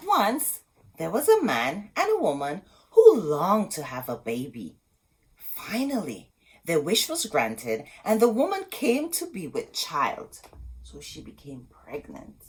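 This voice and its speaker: A storytime host reads to young listeners with expressive flair, stepping out of the text to talk to them directly. Her lowish voice is husky and a little mellow, swinging hugely in pitch as she takes it slowly.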